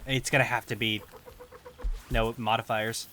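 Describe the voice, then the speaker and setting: A man streaming a game live, chatty and excitable, swearing and reacting out loud. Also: medium pitch, unhurried, a little hiss or hum. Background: game music.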